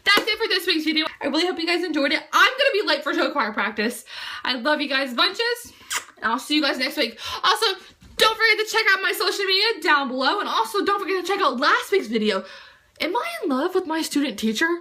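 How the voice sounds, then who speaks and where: Teen girl vlogger, high and bright, rambling casual chat. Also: lively intonation, fast. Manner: rambling, lots of fillers.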